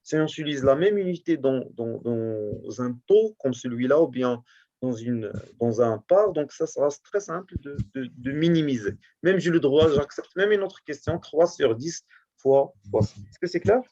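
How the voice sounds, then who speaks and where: A male teacher going over a test in class, speaking haltingly and often checking that his students follow. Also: medium pitch, animated, warm tone, lo-fi sound. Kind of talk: classroom lesson correcting a test.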